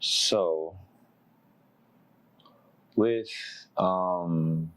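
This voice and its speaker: A man's voice: low-pitched, drawn-out words. A man casually reviewing an album, rambling and laughing as he talks. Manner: rambling, laughing, animated voices when quoting. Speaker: music reviewer.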